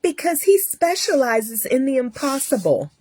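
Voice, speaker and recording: A woman voicing a gentle, reassuring female hospital nurse in a soft, motherly way. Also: high-pitched, very animated, moderate pace, husky, no room sound, pitched above the performer's own voice, full character voice. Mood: soothing.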